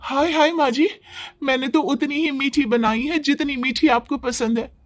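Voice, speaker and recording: Whiny, dramatic young wife, high and complaining, put on by a man. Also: steady tone, moderate pace, no room sound.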